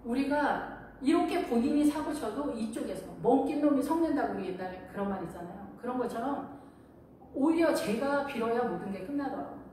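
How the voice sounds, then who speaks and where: A woman pastor preaching a sermon, telling stories in an animated way and acting out the quotes. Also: fairly high pitch, brisk, a little hiss or hum. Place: church sanctuary. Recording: echoey church hall from far off.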